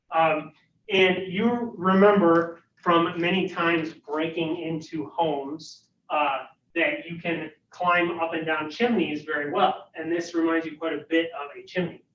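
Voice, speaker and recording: A man's voice: on the high side, fairly bright tone, a little hiss or hum. A man narrating as game master of a tabletop game, hesitant and full of fillers. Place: room at a livestreamed faculty game. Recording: roomy, distant, dull recording.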